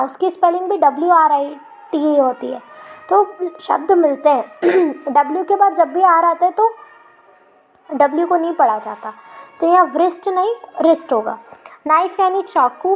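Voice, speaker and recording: A woman teacher explaining English spelling to children, patiently repeating words slowly. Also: high voice, low-quality recording.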